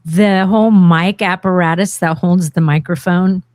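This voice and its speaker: A woman's voice: on the low side, fairly even intonation, normal speed, a little mellow, no echo. A woman co-hosting a podcast in casual, self-deprecating chat, giggling between remarks. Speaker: podcast co-host. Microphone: studio mic, close.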